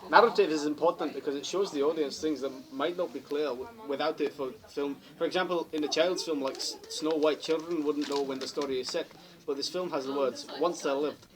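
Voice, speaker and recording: A man's voice: a little high, a little fast. A teenage boy with a slightly raised voice reads out stiff prepared answers, tripping over words and starting them again. Chatter from a crowded classroom fills the background, and the whole thing sounds like an amateur school recording. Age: late teens. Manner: stumbling, frequent restarts while reading. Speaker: student answering interview questions. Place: busy classroom. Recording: noisy classroom with chatter behind.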